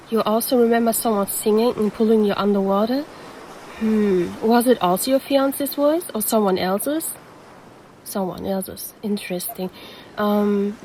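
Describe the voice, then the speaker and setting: A woman's voice: on the high side, dark tone, slight background noise, close to an everyday voice, low-quality recording. A woman voicing a predatory female siren who poses as a lifeguard and teases the listener in an audio roleplay. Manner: teasing, calls the listener handsome.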